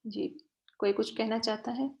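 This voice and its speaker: A woman's voice: fairly high pitch, level tone, gravelly, mellow, muffled recording. A woman teaching a Quran recitation class online, patiently correcting a student's pronunciation and repeating words.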